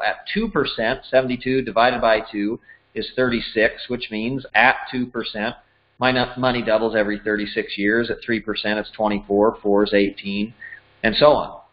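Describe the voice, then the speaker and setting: Male finance teacher in his forties, mid-pitched, plain conversational delivery, slightly dull lo-fi recording. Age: 40s. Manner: plain, conversational, works through numbers step by step. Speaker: financial educator. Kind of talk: explanatory lesson over slides. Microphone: voice-over.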